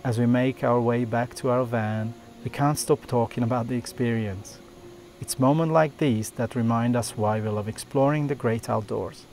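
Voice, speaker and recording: A man's voice: mid-range voice, steady tone, normal speed, a little mellow, a little hiss or hum. A man in his thirties reading scripted travel narration in a nature documentary style.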